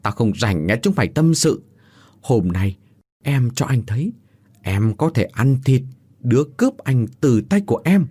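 A man voicing a jealous, cruel young woman who taunts her captives with snarling, shrill outbursts. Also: sing-song, measured pace, dark tone, breathy edge, no room sound.

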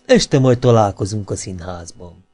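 A man's voice: fairly low pitch, animated, darkish tone, slightly rough, soft background music. A man voicing a coquettish young cabaret actress.

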